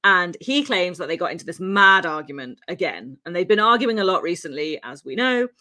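Here the Welsh co-host sounds low-pitched, expressive and sharp, moving briskly through her true-crime story. It's chatty, peppered with fillers and laughs, and a faint Welsh trace colors her English accent.

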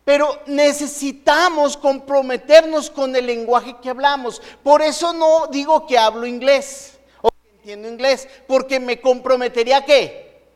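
High-voiced man preaching in a reverberant hall. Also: steady tone, a little slow. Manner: conversational preaching with rhetorical questions to the congregation. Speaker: pastor. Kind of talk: sermon.

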